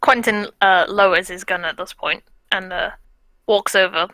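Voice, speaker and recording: Bright-voiced woman at a game table. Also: medium pitch, steady tone, moderate pace, no echo. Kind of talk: casual narration of a character's actions.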